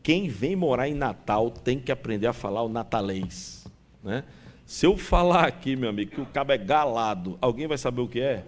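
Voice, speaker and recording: A man giving a talk to an audience, animated and chatty, addressing his listeners over and over. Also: medium pitch, normal speed, a little hiss or hum. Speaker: business speaker.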